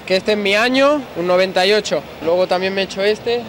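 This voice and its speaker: A young man with a fairly high voice talks in a laid-back, slangy way about tattoos. He speaks into a handheld mic in a large expo hall. Clear convention-hall noise runs behind him. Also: a little fast. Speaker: tattoo artist, interviewee. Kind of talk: casual chat. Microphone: handheld interviewer mic.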